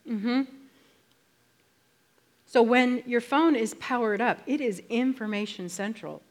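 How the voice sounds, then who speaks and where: A woman preaching a sermon to a congregation, in a conversational, emphatic way that slows down to stress key phrases. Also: on the high side.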